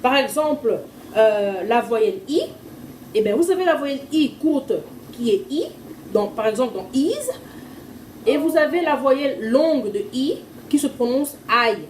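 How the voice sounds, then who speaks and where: A woman, a parent teaching her child to read at home, explaining in an informal tutorial and slowly sounding out letters and syllables. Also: high-pitched, animated, darkish tone, slight background noise. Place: at home with a small child nearby. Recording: echoey room, mic far off, faint ambience.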